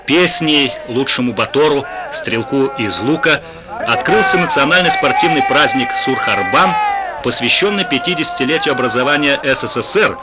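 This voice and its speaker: A man's voice: mid-range voice, animated, normal speed, very noisy. A man reading formal, declamatory narration for an old archival newsreel as a studio voice-over. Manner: formal, declamatory announcer delivery. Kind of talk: scripted documentary narration. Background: loud music.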